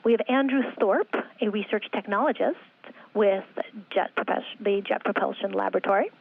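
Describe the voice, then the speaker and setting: Woman running a press call over a tinny phone line, gravelly voice, slow careful spelling. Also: medium pitch, dry recording. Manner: measured, spells things out slowly. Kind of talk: reading out introductions and a web address. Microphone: telephone.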